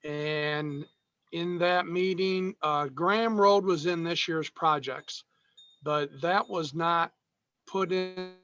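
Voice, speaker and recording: A man giving a halting committee report over a video call, his audio breaking up on a bad connection. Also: on the high side, steady tone, pushed and bright, smooth, no room sound. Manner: halting, pausing often with "uh". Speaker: road advisory committee member giving a report. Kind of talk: informal report at a video-call public meeting. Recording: dull lo-fi call audio with faint noise.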